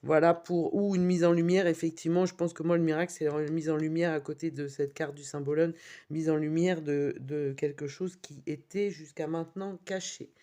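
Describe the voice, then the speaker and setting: A woman's voice: sits low, steady tone, moderate pace, warm tone. A woman giving a weekly tarot reading, reading out card meanings with wry asides. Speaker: tarot reader.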